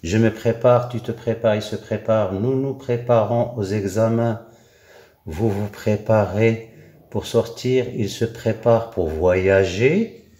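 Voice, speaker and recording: A man with a Moroccan accent teaching a grammar lesson, drilling forms slowly with many repetitions and fillers. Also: fairly low pitch, steady tone, dark tone. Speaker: French teacher. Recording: echoey room.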